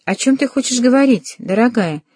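A woman's voice: medium pitch, animated, a little slow, dark tone, breathy edge, no room sound. A woman voicing a timid, frightened middle-aged mother in an audiobook reading. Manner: timid, plaintive.

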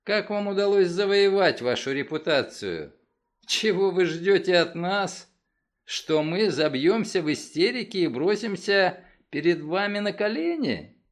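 A man's voice: sits high, lively intonation, a little slow, pitched above the performer's own voice. A man reading an audiobook, voicing a scornful suspect who mocks his host. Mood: mocking. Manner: mocking, scornful. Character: sneering mocking man, defiant suspect.

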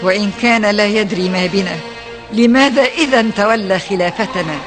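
A woman's voice: mid-range voice, brisk, music in the background, lightly acted. An actress playing a poor mother of hungry children who speaks plaintively in a radio drama. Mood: reproachful. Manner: plaintive, reproachful. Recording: noisy old radio recording.

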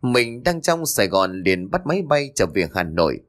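Lively-voiced male ghost story narrator. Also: on the low side, moderate pace, soft background music.

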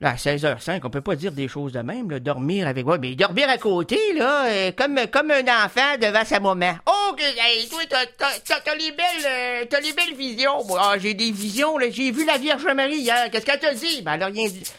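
A man's voice: very high voice, animated, normal speed, hardly any pauses, pushed and bright. A man, co-hosting a variety show, rambling and joking between sung lines. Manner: goofy, rambling, interrupting himself. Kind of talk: joking banter and singing.

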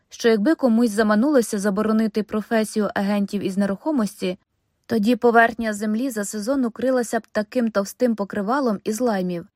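A woman's voice: fairly high pitch, darkish tone, no room sound. Woman reading an audiobook, dry close sound. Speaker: audiobook narrator. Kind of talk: scripted narration.

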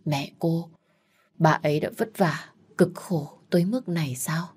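Husky low-voiced woman, reading a sad story slow. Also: a little mellow. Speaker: narrator. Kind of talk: scripted narration of a family drama story.

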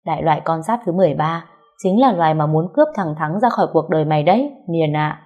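A woman's voice: low-pitched, animated, fast, warm tone. A woman voicing a brash, bossy young woman friend who scolds bluntly.

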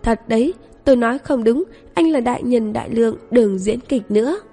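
A woman's voice: a little high, fairly quick, dark tone, husky. A woman voicing a wary, exasperated young woman in an audiobook. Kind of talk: audiobook character reading. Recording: long reverb, faint music.

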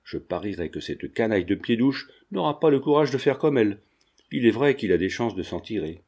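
A man's voice: lowish voice, lively intonation, fairly quick, darkish tone, breathy edge. A man reading the part of a shrewd police agent who speaks dryly and matter-of-factly. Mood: sardonic. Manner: dry, matter-of-fact.

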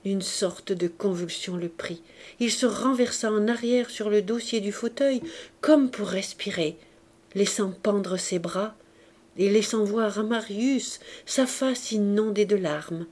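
A woman narrating a classic novel aloud in a measured, expressive reading voice. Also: mid-range voice. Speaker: audiobook reader. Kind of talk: literary narration.

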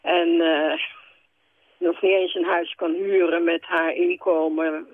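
A woman's voice: fairly low pitch, unhurried, no echo. An older woman calling in to a radio show, talking hesitantly with many fillers. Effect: radio show caller on a phone line. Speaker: caller. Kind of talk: call-in radio question. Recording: tinny phone line.

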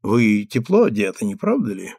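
A man reading the part of an older, calm, courtly colonel who speaks softly. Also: on the low side, normal speed, vocal fry, breathy edge, no room sound, studio quality, heavily acted. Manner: soft, hushed, gallant.

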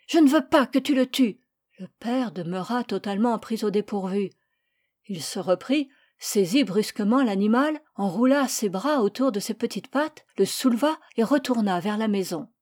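A woman reading a story aloud in a measured, expressive storytelling voice. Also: medium pitch. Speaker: narrator.

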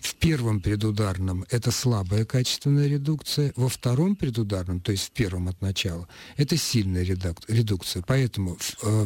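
A man's voice: mid-range voice, darkish tone, dry recording. A man speaking as a language expert on a radio talk show, explaining rules of pronunciation in a precise, lecturing way with touches of dry humor. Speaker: linguistics expert guest.

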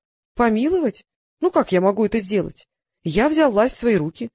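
A woman's voice: a little high, big pitch swings, moderate pace, dark tone, slightly rough, dry recording, heavily acted. A woman voicing a stern, scheming male sultan in an audiobook, with a dry, ironic, sighing manner. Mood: exasperated. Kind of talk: audiobook character reading.

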